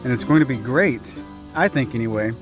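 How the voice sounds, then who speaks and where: A man talks to his handheld camera out in a cleared patch of woods, chatty and a little self-deprecating. His pitch sits in an ordinary middle range. Faint guitar music plays softly behind him. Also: lively intonation, a little fast. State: slightly out of breath. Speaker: vlogger working his land. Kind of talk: casual vlog talk to camera. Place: outdoors on a wooded clearing.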